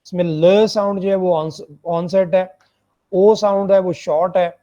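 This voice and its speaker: A man's voice: high voice, steady tone, a little slow, warm tone. A man giving a recorded phonetics lecture, explaining step by step, repeating points and checking that students follow. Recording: muffled lo-fi recording.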